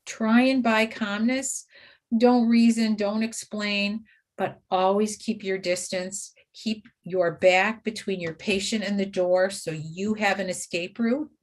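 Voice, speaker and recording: A woman teaching caregivers in a training webinar, steadily listing do's and don'ts. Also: mid-range voice.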